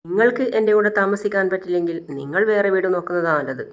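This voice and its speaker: Narrator putting on a bold scheming young heiress, taunting and loud, in a retold tv drama. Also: medium pitch, fast, natural voice. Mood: defiant. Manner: defiant, taunting. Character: scheming young woman claiming the family wealth.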